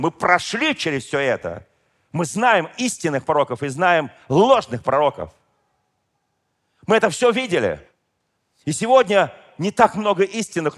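Casting: middle-aged male pastor, higher-pitched voice, very lively emphatic preaching with quiet asides. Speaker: pastor and bishop. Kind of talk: Pentecostal sermon.

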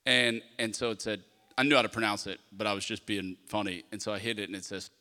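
A man's voice: fairly low pitch, steady tone, quick pace, pushed and bright. A man preaching a sermon in an emphatic yet conversational way, with humorous personal stories. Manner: emphatic, with repeated phrases for the congregation to echo; conversational, acting out small dialogues. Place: large hall, preaching to a congregation. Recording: long hall reverb.

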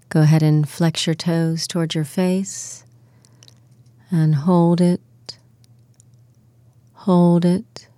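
Slow, soothing woman guiding relaxation. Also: on the low side, dry recording. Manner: slow, soothing, soft-spoken instructions. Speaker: relaxation guide. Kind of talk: guided relaxation script.

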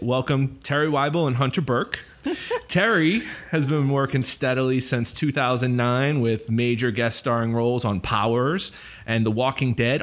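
A man hosting a casual podcast, playful and joking as he reads out listener mail and introduces guests. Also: mid-range voice. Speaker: podcast host.

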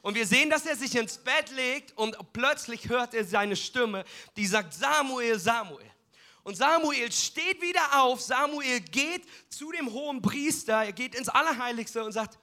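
A male pastor preaching a sermon, telling a story in a lively way with jokes and asides. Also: very high voice, measured pace.

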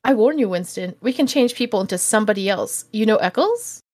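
A smug, deadpan torturer villain. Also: male voice, high-pitched, a little fast, no room sound, clean studio sound. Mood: sly. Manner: calm, sly, deadpan. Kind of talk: 1950s radio comedy acting.

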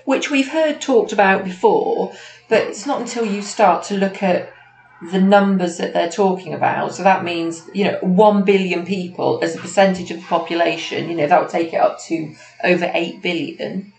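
A woman's voice: lowish voice, moderate pace, gravelly, darkish tone. A woman co-hosting a podcast in a casual, conversational business chat. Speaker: podcast co-host. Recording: echoey room, background noise.

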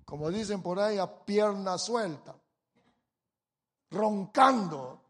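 Brief: male preacher, very high voice, slow and emphatic, bursts loud then drops quiet, long church-hall reverb. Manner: emphatic, swinging between loud exclamations and quiet asides. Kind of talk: sermon.

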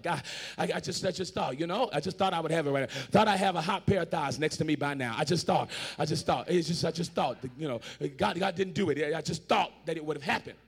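A male pastor preaching to a congregation, swinging between shouted lines and low, joking asides full of repeats. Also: husky. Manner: shouts and drops to a low, conversational aside, repeats words, talks back to the crowd. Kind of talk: energetic sermon to a congregation.

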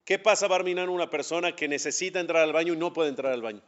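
A male rabbi teaching a religious class, his voice sitting a little high for a man. He talks to his students directly and throws out questions he answers himself. The recording sounds dull and lo-fi. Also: fast talker, fairly bright tone, smooth. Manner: conversational, addresses students directly.

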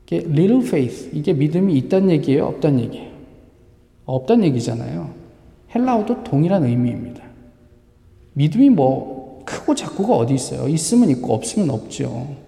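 A man's voice: on the high side, very animated, moderate pace, gravelly, mellow. A male pastor preaching a Sunday sermon, often putting questions to the congregation. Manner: asks the congregation rhetorical questions. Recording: echoey hall with long reverb.

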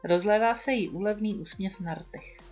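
A woman reading a first-person story aloud with a wry, gently ironic manner. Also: medium pitch, dull audio, soft background music. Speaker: narrator. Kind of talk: first-person audiobook narration.

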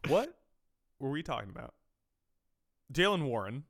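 Lively, bright-voiced sports podcast co-host man. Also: medium pitch, creaky. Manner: wry, quick rundown of games. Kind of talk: casual sports chat.

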